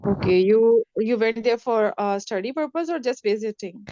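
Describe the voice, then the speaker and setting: A woman's voice: fairly high pitch, animated, normal speed, warm tone, no room sound, lo-fi sound. Female online English tutor, Pakistani accent. Reassuring, repetitive, informal, close dry sound. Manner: repetitive, reassuring, calls student dear. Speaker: English teacher. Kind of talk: informal online lesson, encouraging talk. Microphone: online call.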